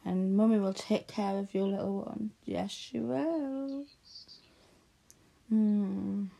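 Soothing breathy woman in ASMR roleplay. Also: medium pitch, steady tone. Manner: soft, soothing, slow and hushed, often drifting into whispers.

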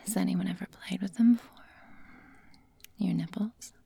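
A woman doing an intimate whispered role-play as a seductive, commanding lover, murmuring breathily with soft hums. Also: mid-range voice, fairly even intonation, normal speed, gravelly, husky. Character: seductive, dominant female lover in intimate adult audio.

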